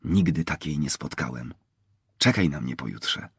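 Man reading as a proud young highland poacher. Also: lively intonation, a little slow, slightly rough, no room sound, studio quality, full character voice. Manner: bold, teasing, proud. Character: young male mountain poacher, proud and bold. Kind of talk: audiobook character reading.

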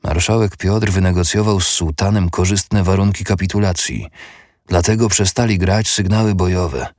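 Male narrator as a colourless, weary monk, low-voiced, dry close sound. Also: normal speed, husky, no echo, far from the mic. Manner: flat, colourless.

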